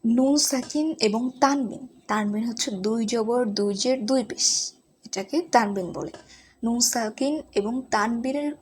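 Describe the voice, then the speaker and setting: A woman's voice: fairly high pitch, moderate pace, a little mellow, slightly rough. A woman teaching Quran reading, spelling out each letter and vowel mark one by one and then joining them into words. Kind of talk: slow spelling-out recitation lesson.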